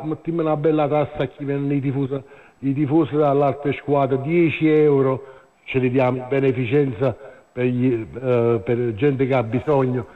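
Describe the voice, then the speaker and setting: A man calling in to a live show over a phone line, talking in a halting way with many fillers and repeats. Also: mid-range voice. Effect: heard over a phone line. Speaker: caller. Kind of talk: phone-in chat about football. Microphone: mobile phone.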